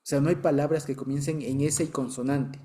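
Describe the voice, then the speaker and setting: A man leading a Bible study speaks with an Ecuadorian accent in a slightly high, dark-toned voice, fairly even in intonation and a bit fast. He explains patiently, keeps confirming that listeners follow along, and chuckles now and again.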